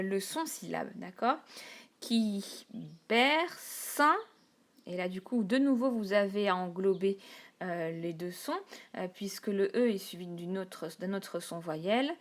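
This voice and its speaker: A woman teacher talking through a recorded whiteboard lesson, pausing often with fillers and counting syllables out slowly. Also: mid-range voice. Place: home desk, recorded on a tablet.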